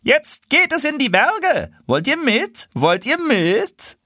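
A man voicing tame farmyard geese, shrill and indignant, high above his own voice. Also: huge pitch swings, slow pace, pushed and bright, no room sound, clean studio sound, heavily acted. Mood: coaxing.

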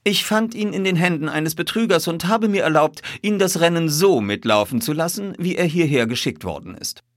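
A man voicing a calm, unshakably composed male detective in a raised voice. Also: a little high, normal speed, hardly any pauses, no echo, studio quality, pitched above the performer's own voice, lightly acted. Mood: calm, revealing.

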